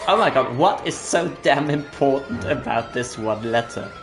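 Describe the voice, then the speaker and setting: A man's voice: medium pitch, expressive, moderate pace. A man giving casual let's-play commentary as a gaming host. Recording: game music behind the voice. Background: game music.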